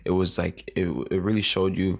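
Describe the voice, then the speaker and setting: Young man, late teens, very low voice, gravelly fry, rambling casual interview talk, many fillers and restarts. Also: flat delivery, fast talker. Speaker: interview guest.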